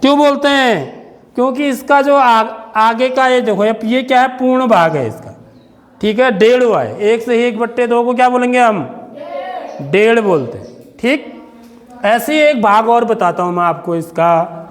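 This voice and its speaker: High-voiced male teacher, echoing classroom. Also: animated, normal speed. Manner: questioning, repeats "theek hai" often; stern with inattentive children. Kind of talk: classroom maths lesson.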